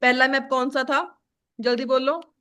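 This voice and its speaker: A woman's voice: high-pitched, fairly even intonation, unhurried, bright, forceful tone. A woman teaching an exam-prep lesson, switching between Hindi and English and quizzing her student. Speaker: IELTS teacher. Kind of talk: live classroom lesson.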